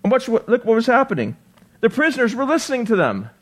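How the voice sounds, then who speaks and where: A man preaching a sermon as pastor, talking fast and excitedly, with many rhetorical questions to the congregation. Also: very high voice.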